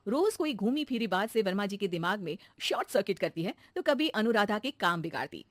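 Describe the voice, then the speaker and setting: A woman's voice: mid-range voice, big pitch swings, fairly quick, dry recording. A woman narrating a scripted children's cartoon story as the storyteller.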